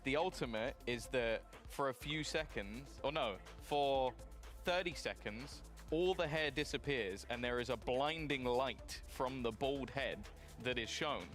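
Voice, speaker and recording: Male caster, mid-pitched, easygoing and wry, music faint behind. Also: measured pace, hardly any pauses, a bit bright. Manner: laid-back, self-deprecating, chuckling. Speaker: esports caster. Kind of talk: casual studio banter.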